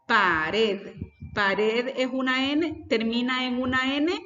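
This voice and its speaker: A woman's voice: sits high, fairly bright tone. A woman teacher giving a lesson, explaining step by step and putting questions to her students. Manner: deliberate, explains step by step and asks the class questions. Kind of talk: recorded class lesson. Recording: reverberant, dull lo-fi sound with faint music.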